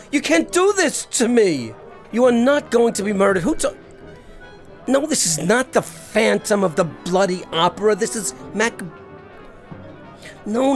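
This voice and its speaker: A man's voice: high-pitched, exaggerated voice. A man voicing an impatient, exasperated male theatre director in a cartoon.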